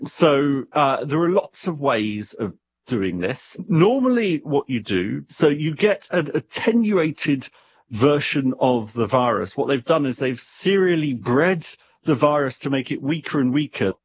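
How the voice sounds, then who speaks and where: As an expert guest, a man explains things conversationally in an animated, wry manner, occasionally doubling back on what he said. His medium-pitched voice is a little slow with a breathy edge, and the audio sounds dull.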